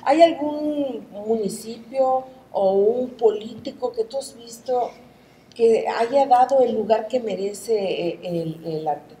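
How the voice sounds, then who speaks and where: A woman interviewer puts her questions conversationally. Her voice is on the high side and mellow, and she takes her time. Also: slow, rough recording.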